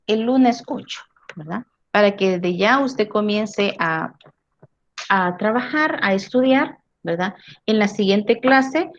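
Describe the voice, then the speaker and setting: A woman lectures her philosophy class in a middle-pitched voice. She checks in with her students through frequent tag questions and stumbles over repeated words as she explains. The recording sounds dull and lo-fi. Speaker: philosophy teacher.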